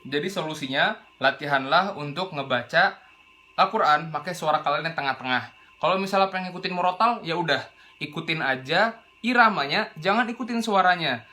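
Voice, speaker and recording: A man's voice: a little high, animated, brisk, sharp tone. A young man, teaching Quran recitation in a casual, slangy explainer style. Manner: chatty, slangy, demonstrates recitation and silly voices.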